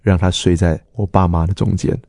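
A man's voice: low-pitched, level tone, fairly quick, mellow, no room sound, clean studio sound. A middle-aged man, a pastor earnestly telling his personal testimony and acting out the dialogue he quotes.

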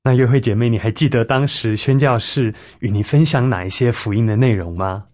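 A man interviews a guest, putting questions to her politely and at a measured pace. His voice sits at an average pitch for a man. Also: a little mellow.

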